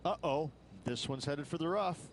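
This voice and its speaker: A man's voice: on the high side, moderate pace, slight background noise. A man giving analysis and commentary as a golf commentator on a broadcast.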